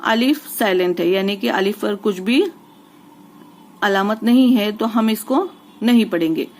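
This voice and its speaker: A woman's voice: mid-range voice, a little slow, a little mellow. A woman teaching a recitation lesson, patiently spelling out each letter and vowel mark and repeating every word, often checking in with the listener. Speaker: Quran reading teacher.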